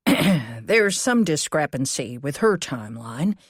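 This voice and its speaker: A woman narrator voicing a calm, cautious man who explains things in a measured way in a cozy mystery audiobook. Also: low voice, slightly rough, no room sound, studio quality, heavily acted. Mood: careful.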